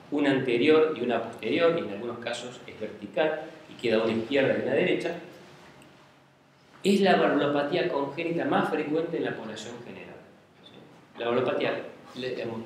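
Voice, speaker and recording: A man's voice: mid-range voice, lively intonation, brisk. A man giving a medical lecture, explaining step by step and checking in with the class often. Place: lecture room. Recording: very echoey classroom with faint hiss.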